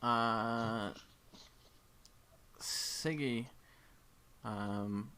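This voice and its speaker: A man acting as game master, narrating a tabletop game casually in a hesitant, halting way. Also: mid-range voice, pushed and bright, low-quality recording.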